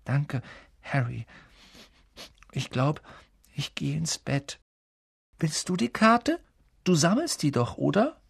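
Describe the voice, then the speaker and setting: A man's voice: on the high side, very animated, slow, gravelly, pauses often, husky, no echo, pitched above the performer's own voice, exaggerated voice. A man voices a shy schoolboy on the verge of tears, speaking in a raised, unsteady voice. He mumbles his words, small and nervous. The sound is close and dry. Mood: meek. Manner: mumbling, shaky. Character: timid tearful young schoolboy.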